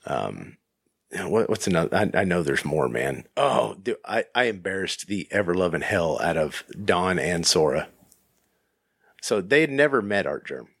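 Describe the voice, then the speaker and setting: A man telling a casual podcast anecdote in a halting, rambling way, often repeating words. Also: deep voice, very animated, vocal fry, a bit bright, slightly rough, dry recording, studio quality.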